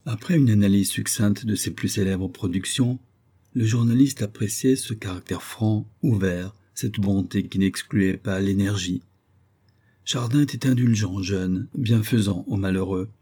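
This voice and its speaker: Husky low-voiced male audiobook narrator. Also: mellow. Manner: measured literary reading. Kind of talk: scripted narration.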